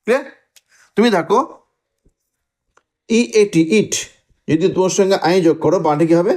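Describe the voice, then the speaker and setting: Male grammar teacher, lively rise and fall, step-by-step explanations with constant checking questions, drawn-out stressed words. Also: sits high. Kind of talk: classroom lesson.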